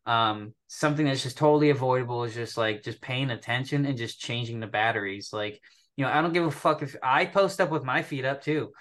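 A man's voice: medium pitch, brisk. Young vet guy on a podcast, swears a lot, gets worked up and laughs telling his story. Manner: profane, animated, laughs while telling a story. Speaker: podcast co-host, military veteran. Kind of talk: casual storytelling.

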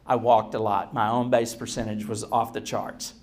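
A man preaching a sermon to a congregation in a folksy, joking, self-deprecating way, with deliberate, emphatic phrasing and pauses. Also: medium pitch, level tone.

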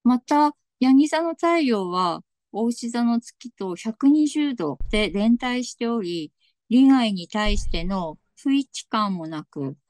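A woman astrologer with a slight Tsugaru accent, giving a slow, deliberate reading with soft fillers. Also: on the high side, animated, no room sound. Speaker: astrologer guest.

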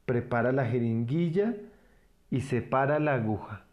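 A man reading a children's story aloud, expressive and gentle. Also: medium pitch, a little slow.

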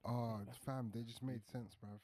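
A man's voice: medium pitch, steady tone, a little slow, crowd noise. A young man with a London roadman accent, bantering casually in an emphatic, slangy way in a group discussion. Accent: London, urban street slang.

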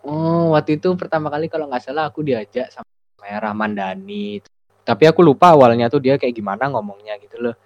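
A man's voice: on the high side, animated, fairly quick, no room sound. A man talking casually as a podcast co-host. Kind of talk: casual chat. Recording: dull, band-limited close recording.

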